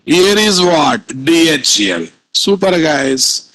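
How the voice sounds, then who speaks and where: A man with a high voice and a Telugu Indian accent gives a live technical class. He drills each point through repetition and keeps firing questions at his students. The sound is dry and close. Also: sing-song, slow, a bit bright, no echo, poor audio. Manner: repeats points and quizzes listeners with frequent rhetorical questions. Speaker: programming instructor.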